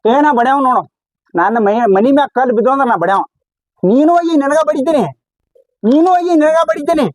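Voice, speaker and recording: A woman with a North Karnataka Kannada accent argues defensively as a neighbour in a comedy skit. Her voice is high, and the sound is dry and close. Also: fast, darkish tone, no room sound, rough recording. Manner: argumentative, defensive. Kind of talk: scripted comedy skit dialogue.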